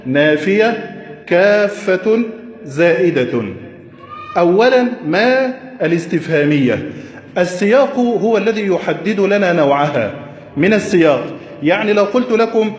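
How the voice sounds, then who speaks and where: A man teaching Arabic grammar at a whiteboard, slow and deliberate, quizzing his listeners with questions. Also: high voice. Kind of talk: classroom lesson at a whiteboard. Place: classroom with a whiteboard. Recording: echoey, reverberant room.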